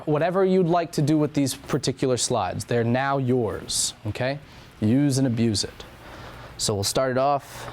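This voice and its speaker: A young man teaching an anatomy and physiology lab review in a classroom, talking casually and repeating key points. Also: a little high.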